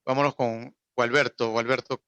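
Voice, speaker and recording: A man's voice: mid-range voice, flat delivery, normal speed, pushed and bright, clean tone, no echo. A man hosting an awards program, speaking in a chatty way full of fillers and tag questions. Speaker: contest host. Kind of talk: casual live talk.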